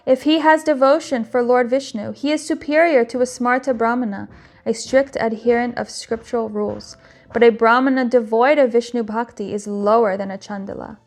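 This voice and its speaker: A woman's voice: on the high side, steady tone, normal speed, close to an everyday voice. A woman voicing a young male divine teacher in a scripture reading, fervent and earnest. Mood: stern. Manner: earnest, instructive reading of quoted speech.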